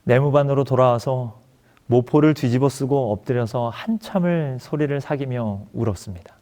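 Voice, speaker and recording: A man's voice: medium pitch, normal speed, dark tone. A man preaching a sermon as pastor, earnestly telling a personal story and acting out its dialogue. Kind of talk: sermon testimony.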